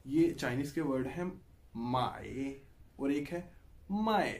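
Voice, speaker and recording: A man's voice: fairly high pitch, fairly even intonation, brisk, dark tone. A man with a Pakistani Urdu accent giving an online language lesson, patient and explanatory, often checking in with listeners. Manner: patient, repeats "ठीक है जी" to check in, draws out example sounds. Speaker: language teacher.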